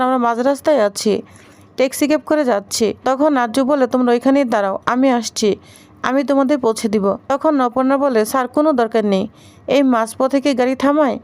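A woman's voice: high voice, a little mellow, no room sound. A woman retelling a TV serial episode and reading each character's lines in her own voice. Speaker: episode recap narrator.

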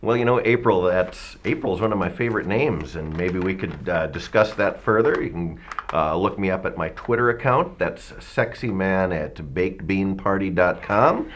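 A radio DJ in his fifties making absurd boasts with a deadpan delivery in a mock debate. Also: sits low, moderate pace. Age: 50s.

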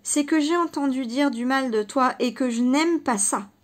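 A woman's voice: sits high, normal speed, lightly acted. A woman voicing a mischievous young male rabbit in a children's storybook, teasing and mocking. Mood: glum.

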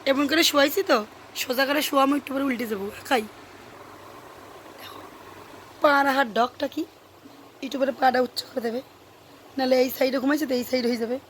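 A young woman vlogger chatting casually to viewers while she minds a baby, dropping into soft cooing baby talk. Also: high voice, fairly even intonation, fast, pauses often, a little hiss or hum, low-quality recording.

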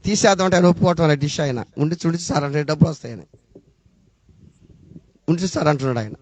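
High-voiced preacher with Rayalaseema accent. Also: male voice, fast talker. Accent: Rayalaseema Telugu. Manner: rhetorical questions, swings from loud to low. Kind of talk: sermon testimony. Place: church.

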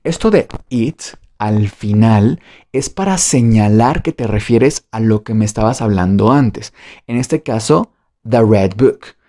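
A man's voice: lowish voice, animated, unhurried, dark tone. A man with a Mexican Spanish accent teaching a beginner English lesson online, playful and jokey, drilling phrases by repetition.

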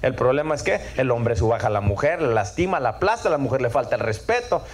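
A man's voice: mid-range voice, big pitch swings, quick pace. A middle-aged man, preaching a sermon and often asking the audience for agreement. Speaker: pastor.

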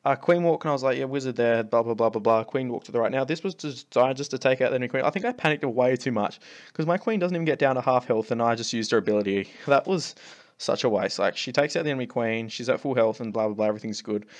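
A man's voice: mid-range voice, quick pace. A man giving casual commentary over his own game replays, exasperated and ranting, swearing freely as his attacks fail. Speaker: clan leader and channel host.

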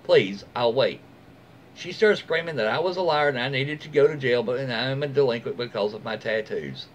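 A middle-aged American host reads online stories aloud at a brisk clip, chatting casually as if to his followers. His mid-pitched voice is animated, rising and falling, with informal, folksy asides along the way. He's recording indoors in a small room at home, with faint room noise.

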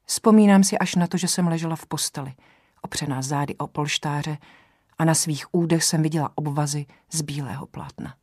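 A woman narrating a novel in the first person, in a measured storytelling manner. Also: low-pitched, a little mellow, slightly rough, dry recording, studio quality. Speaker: audiobook narrator.

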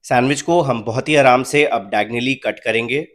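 This cooking channel host, a young man, delivers recipe voice-over narration at a normal speed in a calm, instructional way. His mid-range voice walks home viewers through every step in plain terms.

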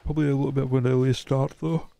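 A man chatting casually while streaming a game, rambling and hesitant, with a croaky, sleepy voice. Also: medium pitch, flat delivery, racing, warm tone. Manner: rambling and hesitant, many restarts. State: sleepy, yawning. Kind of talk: casual live-stream chat.

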